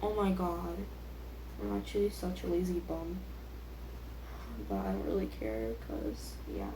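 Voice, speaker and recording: A teenage girl vlogger rambles casually in a self-deprecating, youthful way, full of filler words. Her voice sits on the low side with big pitch swings and an unhurried pace, in an echoey room with faint background noise.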